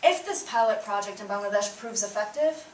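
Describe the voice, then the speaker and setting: This earnest, emphatic prepared talk comes from a young woman student who speaks Bengali natively, with her voice rising at the start of each point. She talks a little fast in an expressive, medium-pitched voice. The roomy recording from a distant mic carries a little hiss or hum.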